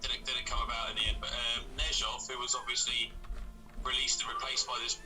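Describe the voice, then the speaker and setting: A man joining as a guest over a crackly, low-quality remote line, chatting casually and hesitantly with many fillers and repeated words. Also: flat delivery, fairly quick. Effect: crackly, low-quality remote call line. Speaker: guest commentator. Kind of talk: casual chat over gameplay. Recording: crackly distant call line with loud music behind.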